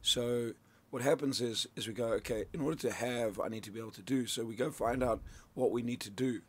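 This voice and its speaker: The speaker, a middle-aged sales coach from Zimbabwe, talks through his ideas as a guest in a radio studio interview. His mid-range voice is brisk and slightly rough, and his delivery is casual and conversational, with frequent restarts.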